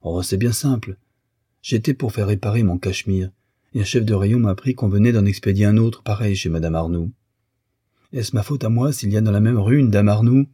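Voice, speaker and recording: A man's voice: lowish voice, a little fast, warm tone, slightly rough, no room sound, clean studio sound. Man doing a blustering, evasive husband. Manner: evasive, flustered protests.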